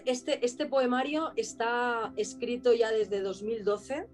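A woman's voice: a little high, slow pace, darkish tone, faint music behind. A woman from Spain, a singer and poet, talking with passion and emphasis in a casual interview.

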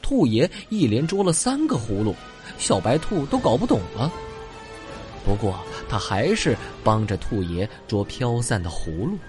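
A man's voice: medium pitch, very animated, a little slow, over music. A man narrating a bedtime sleep story for young children in a coaxing way. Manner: coaxing, addresses small children with soft sentence particles.

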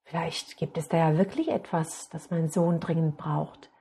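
A woman hosting a podcast, calmly addressing her listeners and narrating a story. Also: low voice, moderate pace, breathy edge. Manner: calm, addresses listeners directly. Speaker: podcast host.

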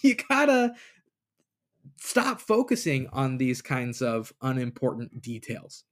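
A man's voice: very animated, slow. A man voicing an exasperated male teacher who scolds his followers in an incredulous, scolding tone. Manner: incredulous, scolding, high-pitched.

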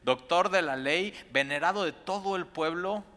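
A man preaches in a bright, forceful voice. He slips into his listeners' inner voices as he speaks. The sound rings with a long reverb from the church hall around him. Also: high voice, normal speed. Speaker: pastor. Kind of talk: sermon.

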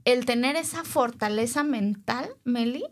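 A woman hosts a casual interview, her voice a little high. She backs up her guest with quick, supportive replies. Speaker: host.

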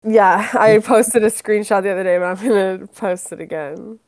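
A woman's voice: medium pitch, fairly even intonation, moderate pace, a little mellow. Upbeat woman hosting a community call. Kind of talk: casual group call. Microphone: computer mic on a voice call.

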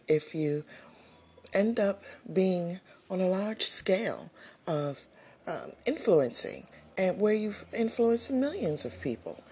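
A middle-aged woman hosting her own podcast, talking to listeners in an earnest, unhurried motivational monologue with soft laughs and breathy asides. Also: low voice. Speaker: podcast host.

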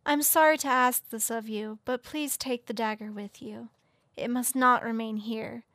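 A man's voice: very high voice, steady tone, bright, forceful tone, no room sound, clean studio sound, pitched above the performer's own voice, full character voice. Man voicing a frail, dying fay queen. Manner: solemn, slow, formal speech. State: weak and faint. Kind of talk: audiobook character voice.

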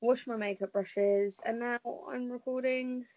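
A young woman co-hosting a casual podcast, brisk and teasing but earnest. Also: on the high side, steady tone, a little mellow, no echo, lo-fi sound. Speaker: podcast co-host.

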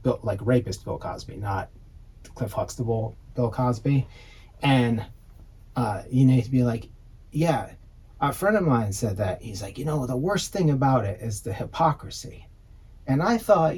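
A man's voice: medium pitch, warm tone, husky. A man co-hosting a podcast, chatting casually and rambling with lots of fillers and swearing. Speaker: podcast co-host; designer. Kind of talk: casual chat.

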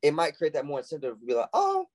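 A young man speaks as a guest on a podcast in a loose, casual way. He keeps acting out little quoted exchanges, so his pitch leaps up and down. The sound is close and dry. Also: very fast, no room sound, low-quality recording. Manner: animated, acts out quoted lines in shifting voices. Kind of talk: casual chat.

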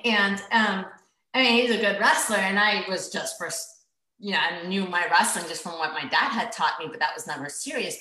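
A middle-aged woman telling a story in a casual interview, animated and laughing often as she acts out what people said. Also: medium pitch. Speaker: guest. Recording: echoey room.

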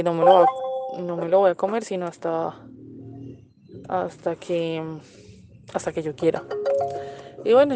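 A woman's voice: on the low side, dark tone. Colombian woman telling a crude story. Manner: crude, swears freely and acts out quoted lines. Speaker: interviewee. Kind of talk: casual storytelling.

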